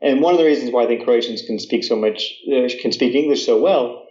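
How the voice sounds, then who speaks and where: In a brisk, darkish mid-range voice, a man from the United States in his thirties talks as a guest in a casual conversation. The sound is roomy with the highs cut off, and he chats freely, restarting often and leaning on fillers like "you know."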